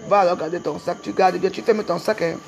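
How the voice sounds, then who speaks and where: A woman's voice: lowish voice, fairly even intonation, fast talker, creaky. A woman speaking bluntly and emphatically in a casual, ranting monologue as an online commentator.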